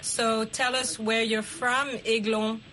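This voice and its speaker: A middle-aged woman hosting an English practice call, prompting and encouraging the learners slowly like a teacher. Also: on the high side, level tone, fairly bright tone, slight background noise, rough recording. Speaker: host.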